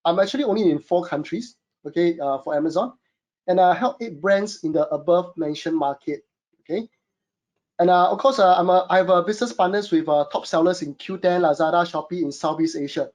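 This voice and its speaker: A Singaporean webinar host and e-commerce consultant presents from his home studio. He speaks Singaporean-accented English in a high, brisk, darkish voice. He is chatty, fills his talk with fillers, and calls his audience "guys."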